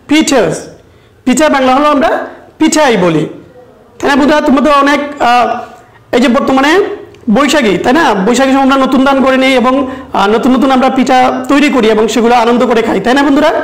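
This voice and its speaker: A woman teacher with a Bangladeshi accent, leading a recorded English lesson for children, repeating each word slowly and switching between English and Bengali. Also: high voice, roomy sound, rough recording. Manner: slow, repeats words, mixes English and Bengali. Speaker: primary school English teacher.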